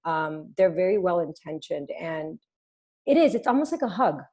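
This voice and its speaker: A woman's voice: fairly low pitch, slightly rough. A woman hosting a podcast interview, telling stories animatedly and laughing easily. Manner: animated storyteller, quick to laugh. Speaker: podcast host. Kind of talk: casual conversational interview.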